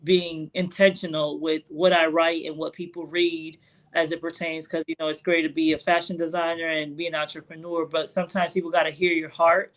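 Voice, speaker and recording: A woman's voice: low-pitched, little pitch movement, brisk, rough recording. A woman in her late forties talking reflectively on a podcast, with many "you know" fillers. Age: 40s. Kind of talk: casual podcast conversation.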